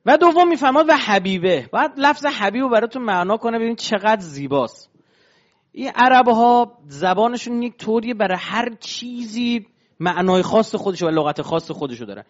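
Man, high voice, religious lecture, explanatory, rhetorical questions, muffled lo-fi sound. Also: expressive. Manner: explains step by step, asking the audience rhetorical questions.

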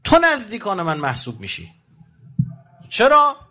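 Delivering a passionate sermon to pilgrims, this man speaks in an animated, fairly bright voice, though the audio is dull. He poses rhetorical questions and his voice leaps and plunges abruptly in pitch, full of fervor.

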